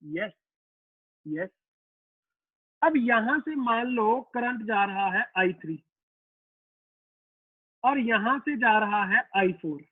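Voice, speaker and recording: Guy teaching physics online, really high voice, tinny phone-like sound, keeps repeating stuff. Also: animated, slow, long pauses, no room sound. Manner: repeats himself and voices students' questions to himself; casual, addresses students as "beta" and "yaar". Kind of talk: online class lecture. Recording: tinny, dry phone-like line.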